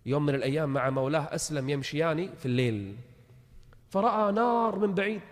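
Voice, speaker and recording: A long hall reverb surrounds a man preaching a sermon built on storytelling. His high voice is fast and animated, rising with impassioned, swelling emphasis.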